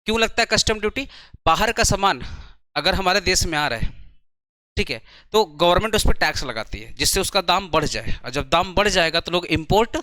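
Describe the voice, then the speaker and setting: Man, commerce tutor, slow chatty classroom lecture, repeats his questions, dry close sound. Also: high-pitched, expressive, bright, forceful tone, dry recording. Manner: speaking slowly. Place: coaching centre classroom.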